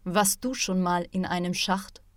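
A woman reading a calm, wise teacher. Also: lowish voice, dry recording, natural voice. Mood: lecturing. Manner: measured, patient lecturing. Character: calm, wise male martial arts teacher.

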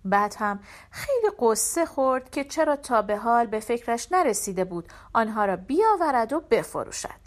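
A woman reads a first-person short story aloud with a reflective, expressive touch. Her voice sits a bit high and moves through lively rises and falls of pitch as she narrates. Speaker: audiobook narrator.

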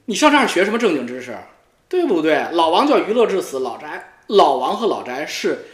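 A middle-aged man, rambling crudely and teasingly in a comic monologue, swearing freely and breaking into loud high outbursts. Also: very animated, fairly quick. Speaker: YouTube streamer. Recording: echoey room.

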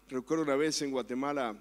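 A man, a pastor preaching a sermon in church, telling stories and turning fervent in prayer. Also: medium pitch. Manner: storytelling with varied emphasis, fervent when praying.

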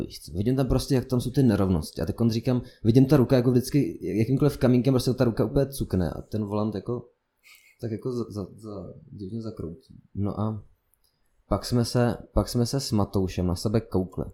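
A young man telling a story in casual chat, lively and full of fillers. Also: fairly low pitch. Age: young adult. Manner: animated anecdote telling with many fillers.

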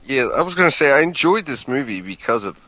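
A man casually discussing a movie, relaxed and agreeable, adding short quips. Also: medium pitch, fast talker, dull audio. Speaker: movie review co-host.

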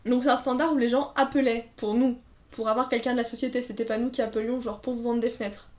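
A woman's voice: a little high, steady tone, fast talker. A woman telling casual anecdotes in a chat, acting out quotes and laughing along. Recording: roomy echo.

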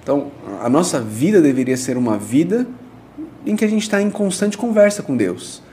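A pastor with a dark, mellow male voice talks through his teaching in an easygoing, conversational way. He leans on everyday examples and tag questions, over a faint hiss in the background. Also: fairly high pitch, expressive, moderate pace.

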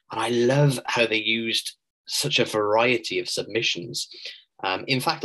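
A man hosting a podcast, talking in a measured, explanatory and conversational way with some enthusiasm. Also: low voice, pushed and bright, poor audio. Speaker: podcast host. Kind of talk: conversational wrestling podcast review.

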